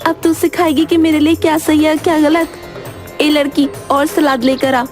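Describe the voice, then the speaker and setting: Woman voicing a cartoon young wife, greedy, cheeky, whiny, very high voice, music behind. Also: level tone, moderate pace, darkish tone, lightly acted. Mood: defiant. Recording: voice over background music.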